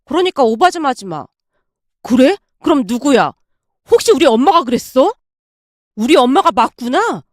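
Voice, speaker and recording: A woman's voice: sits high, sing-song, normal speed, long pauses, no echo, clean studio sound. A woman voicing a hot-tempered young husband who bursts out in anger. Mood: angry. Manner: heated, shouting outbursts.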